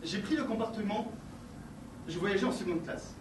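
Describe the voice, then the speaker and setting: A man's voice: sits high, normal speed, distant mic, lightly acted. A man playing a courtly, fussy English husband. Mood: courteous. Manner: courtly, fussily exact. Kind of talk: amateur stage acting. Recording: echoey stage from afar, noisy.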